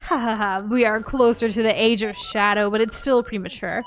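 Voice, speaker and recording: A woman voicing a scheming video game sorceress villain, reading her lines with slow, theatrical, gloating menace. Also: on the high side, steady tone, slight background noise, lightly acted. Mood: sinister triumph. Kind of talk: reading video game dialogue aloud in character.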